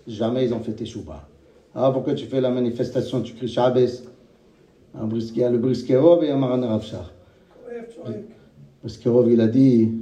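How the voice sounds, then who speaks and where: A man giving a sermon. He swings between high chanted calls and low murmured asides, and he chants Hebrew and Aramaic phrases in a sing-song. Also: dark tone, echoey room, distant mic. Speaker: rabbi.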